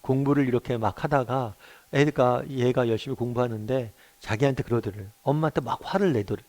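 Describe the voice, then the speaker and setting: A man's voice: medium pitch, a little fast, a little mellow. A middle-aged male pastor giving a morning devotional sermon, earnest, often putting questions to his listeners.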